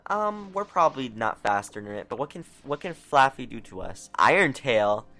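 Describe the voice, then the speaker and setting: Brief: excitable New York-accented gamer narrating a playthrough, very lively pitch. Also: moderate pace, soft background music. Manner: excitable, exasperated running reactions. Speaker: let's player. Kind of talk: video game playthrough commentary.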